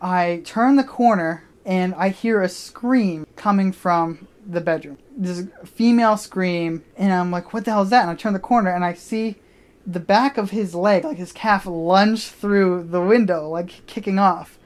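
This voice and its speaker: A woman telling a comedic personal story on stage, animated and profane, with many restarts and acted-out asides. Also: on the low side, unhurried.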